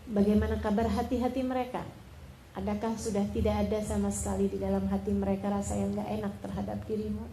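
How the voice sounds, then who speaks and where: A woman preacher telling a story in a sermon, lively and colloquial, acting out the voices of the people in it. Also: mid-range voice, roomy sound, a little hiss or hum. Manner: lively storytelling, acts out quotes.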